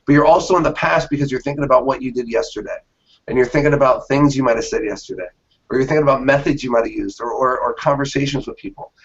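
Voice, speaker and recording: Gravelly-voiced man in his thirties. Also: mid-range voice. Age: 30s. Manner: animated storyteller, acts out quoted reactions. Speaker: magician guest. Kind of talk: casual interview conversation. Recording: dull lo-fi interview audio.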